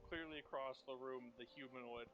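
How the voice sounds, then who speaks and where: A man's voice: mid-range voice, steady tone, a little fast, lo-fi sound. A man running a tabletop role-playing game as game master, narrating moves and scenes. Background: music.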